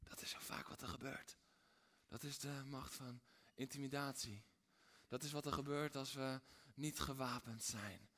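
A man preaching a sermon in a dramatic way, swinging between hushed and loud, with repeated rhetorical phrases. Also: mid-range voice. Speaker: pastor.

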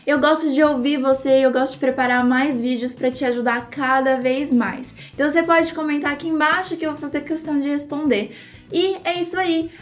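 A Brazilian woman with a Brazilian Portuguese accent hosting an English pronunciation lesson, slowly drawing out model words for students to repeat. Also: sits high, fairly even intonation, soft background music. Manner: slow, drawn-out model words for repetition. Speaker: English teacher and channel host.

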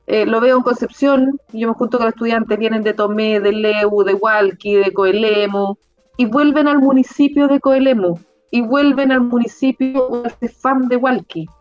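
A middle-aged Chilean woman from the south of the country, a university rector, talking in an interview with an animated, emphatic manner and frequent fillers. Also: fairly high pitch, lo-fi sound. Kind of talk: conversational interview.

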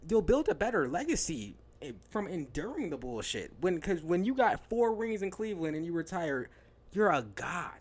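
A man's voice: high-pitched, very animated, moderate pace. A young man in casual sports talk, ranting heatedly with profanity and laughing at himself. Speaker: podcast co-host.

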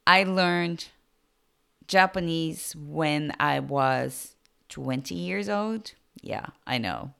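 A young adult woman hosts a podcast and tells her life story slowly and hesitantly, filling pauses with frequent fillers. A native Portuguese speaker, she has a Brazilian accent. Her low voice is creaky, slightly bright, clear and resonant.

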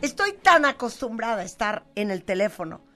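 A woman's voice: fairly high pitch, big pitch swings, brisk, sharp tone, faint music behind. Mexican woman hosting a radio chat. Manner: dramatic, acts out scenes in voices. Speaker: radio show host. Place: radio studio.

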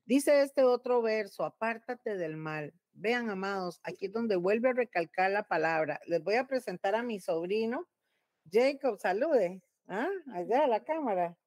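A woman's voice: mid-range voice, animated, unhurried, darkish tone, no room sound, clean studio sound. Emphatic Costa Rican woman pastor. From Costa Rica. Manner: exclamatory, emphatic preaching. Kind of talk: home Bible teaching sermon. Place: home.

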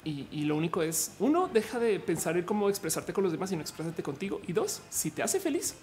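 A woman with a Mexican Spanish accent and a low, androgynous voice, chatting casually with viewers in a slangy, rambling way full of fillers. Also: sing-song, fairly quick, darkish tone. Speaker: streamer answering viewer comments. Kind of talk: casual chat.

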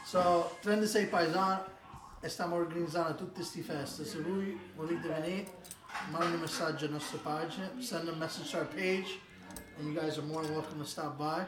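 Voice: medium pitch, fairly even intonation, normal speed. An Italian American host chatting casually at a dinner table, switching between English and Italian dialect. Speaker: host of a show. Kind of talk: casual bilingual group chat. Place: lively home dinner table. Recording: echoey room, far mic, busy chatter.

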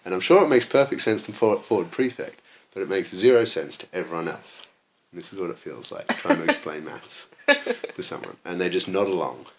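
A man's voice: deep voice, animated, brisk, a little hiss or hum. A young man at university chatting casually about his studies, dry and self-deprecating, often chuckling. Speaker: interviewee, university maths student. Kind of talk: casual conversation.

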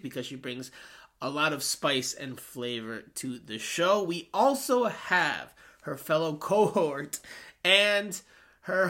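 A man's voice: a little high, sharp tone. A man hosting a sports podcast in a chatty way, talking with a swollen cheek after having wisdom teeth out. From Peruvian American. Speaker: podcast host.

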